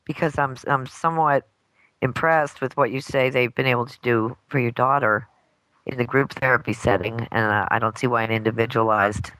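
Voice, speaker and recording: Bright, dry-voiced podcast co-host. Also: medium pitch, steady tone, moderate pace, dry recording, poor audio. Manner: brief replies and curious questions. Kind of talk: casual chat.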